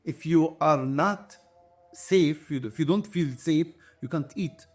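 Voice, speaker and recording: A man's voice: on the high side, takes it slowly, soft background music. A man in his forties with a Palestinian Arabic accent, whose first language is Arabic, giving earnest interview testimony as an activist, emphatic and listing his points one by one, often repeating words. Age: 40s.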